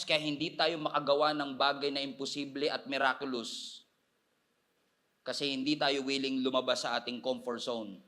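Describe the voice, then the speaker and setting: Bright-voiced male pastor preaching. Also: medium pitch. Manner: animated, humorous preaching that swings between soft asides and loud cries. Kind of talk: live church sermon. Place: church service before a congregation.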